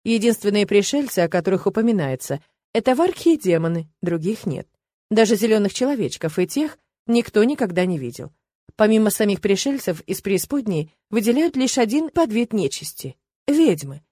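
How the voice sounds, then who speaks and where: A woman's voice: mid-range voice, very animated, moderate pace, warm tone, no room sound. A young adult woman reading a first-person audiobook in a wry, conversational way. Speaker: audiobook narrator.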